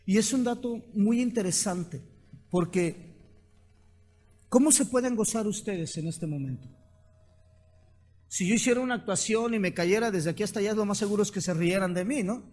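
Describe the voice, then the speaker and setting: A Mexican-accented man preaching as a pastor, with a voice pitched high for a man. He tells stories with energy and keeps asking the congregation rhetorical questions. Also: normal speed, pauses often. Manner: animated storytelling with rhetorical questions. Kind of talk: sermon.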